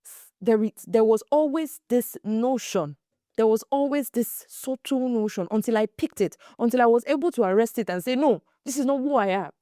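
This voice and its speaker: A young adult woman hosting a faith-based podcast, telling stories in a casual, animated way and acting out the quotes. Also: a little high, moderate pace, no room sound, clean studio sound. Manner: animated storyteller, acts out quotes, emphatic repeats. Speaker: podcast host.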